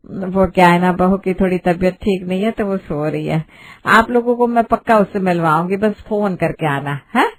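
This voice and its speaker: A woman's voice: lowish voice, normal speed, lightly acted. A woman voicing a fussy middle-aged mother-in-law in a cartoon, grumbling and fretting. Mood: hushed. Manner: grumbling, fretful.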